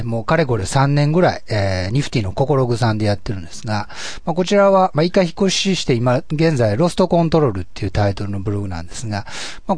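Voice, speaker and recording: Man, gravelly husky voice, casual solo podcast talk, dry close sound. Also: mid-range voice, a little mellow, no echo. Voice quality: husky, gravelly voice, often taken for having a cold. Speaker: podcast host and amateur musician.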